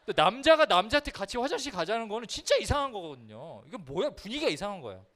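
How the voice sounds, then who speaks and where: A youth pastor with a high voice that swings widely up and down as he tells a funny story from his school days. He talks straight to the young people in front of him, keeping the sermon light and playful. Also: racing. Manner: lively, humorous, addresses listeners directly.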